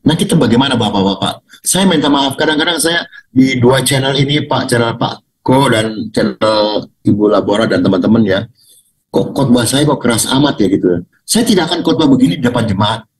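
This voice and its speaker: An older man preaching a sermon over a video call, swinging from loud, mocking highs to low, quiet asides. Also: lively intonation, a little fast, low-quality recording. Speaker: pastor.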